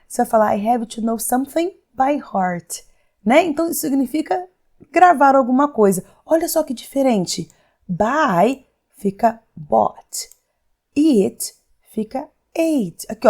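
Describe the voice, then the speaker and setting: A Brazilian woman teaching a recorded English grammar lesson, patiently walking through the rules step by step and voicing the questions her students might ask. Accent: Brazilian Portuguese. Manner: lively, swings her pitch up and down for emphasis.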